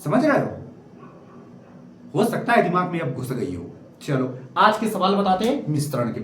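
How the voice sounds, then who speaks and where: A male maths teacher with a high, lively voice, coaxing his students along as he works through problems. He is recorded from a distance in a very echoey classroom, with faint noise behind him. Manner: coaxing, repeatedly prompts students to read aloud.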